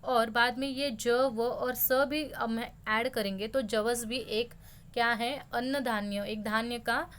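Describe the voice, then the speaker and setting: A young woman teaching a school lesson in a patient, step-by-step way, often dropping in English words. Her voice sits a little high. Faint noise hums behind her. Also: fairly even intonation, slow, fairly bright tone.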